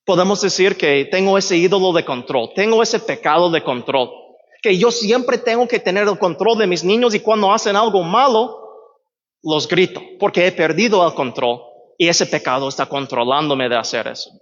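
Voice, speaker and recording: This pastor has a high, expressive voice and preaches at a moderate pace in a church hall, teaching from the sermon. He talks conversationally, frequently turning to the audience with "¿verdad?" The sound is dull and drenched in long church reverb.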